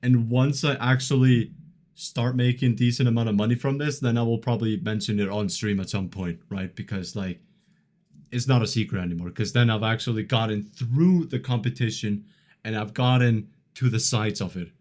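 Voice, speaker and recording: A man in his early twenties chatting casually on a live stream, reading chat and laughing often in a relaxed, rambling way. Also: on the low side, normal speed. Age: 20s. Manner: laid-back, chuckles often, filler-heavy rambling.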